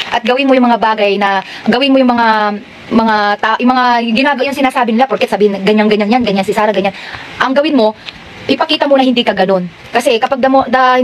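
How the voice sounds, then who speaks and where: A woman's voice: a little high, slight background noise, poor audio. A woman vlogger talks in a confessional way to her followers, calling them by a pet name, with a lot of restarts and rambling. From Philippines. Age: adult with daughters. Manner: confessional, repeatedly calls the viewers "Dabarkads". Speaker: online seller and vlogger. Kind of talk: heartfelt talk to followers.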